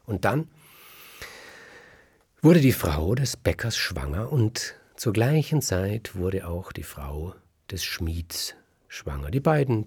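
A man telling a folk tale aloud in a lively, dramatic way, voicing the characters and dropping to a whisper at tense moments. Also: deep voice, breathy edge, dry recording, studio quality. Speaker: storyteller. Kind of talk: oral folk-tale storytelling.

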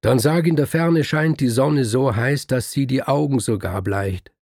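A man voicing a harsh, defiant working man in a spoken story, talking in a forceful, insistent way. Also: medium pitch, big pitch swings, a little slow, gravelly, husky, no room sound, studio quality, voice pushed up, exaggerated voice.

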